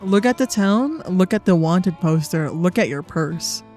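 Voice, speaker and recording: A woman casually commenting while playing a visual novel, excitable, reading on-screen text aloud. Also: fairly low pitch, unhurried, faint music behind.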